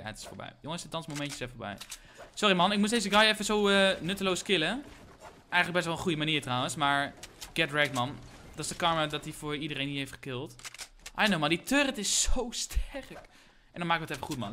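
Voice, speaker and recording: Young male streamer, hyped and slangy, bright tense voice over faint game music. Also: fairly high pitch, quick pace. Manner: excitable, hyped, shouts at big moments, slangy. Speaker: gaming streamer. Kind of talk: live game stream commentary.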